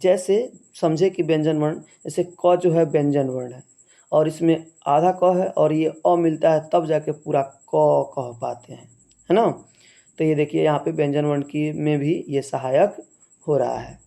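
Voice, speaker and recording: Slow, mellow-voiced male Hindi teacher. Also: fairly high pitch, steady tone, gravelly. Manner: slow, measured, repeats "है ना" as a check-in. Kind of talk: slow explanatory lesson.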